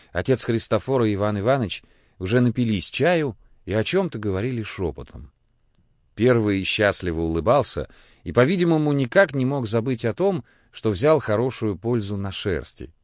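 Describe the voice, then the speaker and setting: A man narrates a literary audiobook in a measured, expressive way. His voice sits low and moves a lot in pitch. The audio is dry and somewhat muffled. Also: dry recording.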